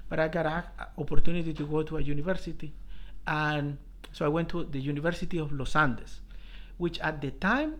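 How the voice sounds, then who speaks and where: A middle-aged man from Colombia, a professor telling his life story in an interview, halting with many restarts. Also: on the high side. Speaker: professor, guest.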